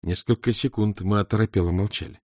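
A man's voice: lowish voice, quick pace, darkish tone, no echo, clean studio sound. A man narrating a children's story for an audiobook, reading it expressively.

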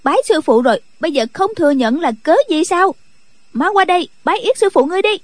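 A man's voice: very high voice, animated, quick pace, no room sound, voice pushed up. Man doing a cheeky teasing young girl. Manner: cheeky, giggling, bossy. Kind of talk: audiobook character voice.

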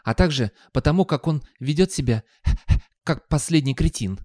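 A man's voice: fairly high pitch, expressive, moderate pace, darkish tone, dry recording, studio quality, voice pushed up, natural voice. A man voicing a cynical scruffy male talking dog with a cool, sardonic tone.

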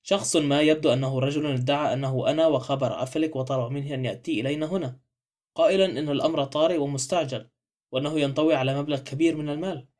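Read by a man, this is a flustered young husband in an audiobook mystery. He talks fast and questioning in a slightly raised voice, eager and a little rattled. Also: on the high side, steady tone, darkish tone, natural voice. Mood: agitated. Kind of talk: audiobook character reading.

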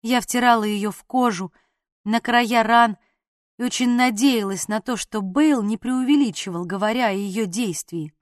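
Woman audiobook narrator, fairly high voice, dry close mic. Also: normal speed, dry recording. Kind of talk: scripted first-person narration.

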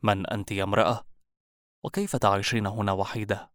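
Brief: man playing a calm, stern khan, slightly lowered voice, dry sound. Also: no room sound, close to an everyday voice. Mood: commanding. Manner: calm, measured authority. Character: stern, commanding male Mongol khan.

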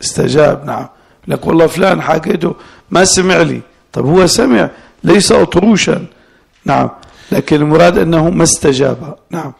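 A man teaching a classical law text as sheikh, explaining slowly and repeating his student's words. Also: on the high side, creaky, slightly rough. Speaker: sheikh teaching Hanafi fiqh.

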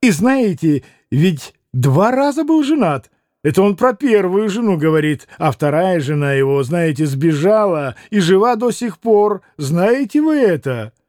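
A man doing a boyish, excitable young nobleman. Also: high-pitched, unhurried, no room sound, studio quality. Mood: eager. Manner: eager, bubbling, keeps asking for agreement.

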